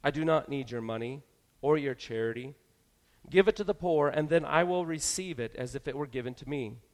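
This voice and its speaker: A man's voice: medium pitch, brisk, a little mellow, close to an everyday voice. A man preaching, voicing the Christ child with solemn, emphatic repetition. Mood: gentle. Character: the Christ child speaking, calm and commanding.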